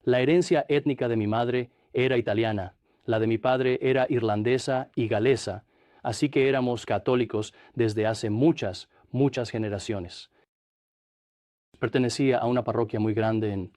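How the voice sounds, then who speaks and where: An older man from New Jersey, a priest and interview guest, recounting his life in a measured, reflective way. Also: fairly low pitch, darkish tone, dry recording. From Trenton, New Jersey, USA. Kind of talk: studio interview, dubbed.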